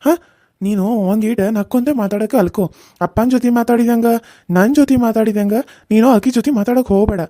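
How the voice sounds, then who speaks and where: A woman voicing a young village husband who tries to calm his mother and wife in a cartoon serial. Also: on the high side, brisk, dry recording, clean studio sound, close to an everyday voice. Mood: coaxing. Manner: coaxing, reasoning, mildly exasperated.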